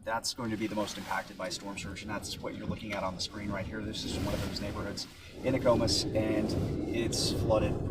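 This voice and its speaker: A man from the Tampa Bay area of Florida reporting live from the field on storm damage, explaining in an unscripted, halting and repetitive way. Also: lowish voice. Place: outdoors near flooded coastal neighborhood. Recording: distant mic with loud outdoor noise.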